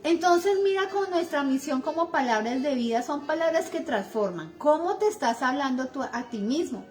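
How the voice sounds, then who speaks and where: A woman's voice: high-pitched, lively intonation, normal speed, soft background music. A middle-aged woman with a Colombian accent giving conversational devotional teaching, earnest and acting out everyday remarks, with many fillers.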